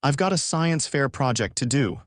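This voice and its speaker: A man's voice: mid-range voice, animated, normal speed, no echo, clean studio sound, close to an everyday voice. A man voicing an arch, mocking teenage older brother. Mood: smug.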